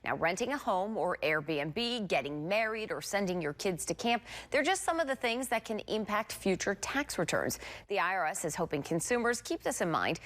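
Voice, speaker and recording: A woman's voice: mid-range voice, big pitch swings, normal speed, a bit bright. A woman reporting in a scripted news narration style.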